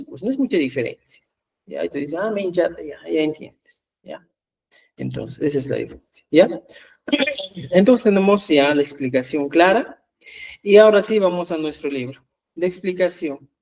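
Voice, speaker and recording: A man's voice: on the high side, a little mellow, distant mic. A man teaching a language class, explaining step by step and checking often that students follow.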